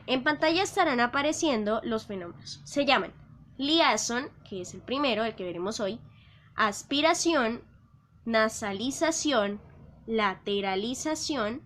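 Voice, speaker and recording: A woman's voice: fairly high pitch, fairly bright tone, slight background noise. A young woman teaching an online language class, explaining rules patiently and checking in with her students. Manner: patient, repeats key points and checks in with "¿listo?".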